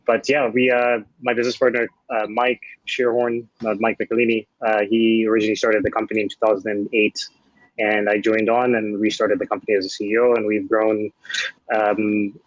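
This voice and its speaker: A man introducing himself casually on a panel, relaxed and joking. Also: fairly low pitch, fairly quick, dry recording, highs cut off. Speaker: panelist, sourcing company CEO. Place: video call.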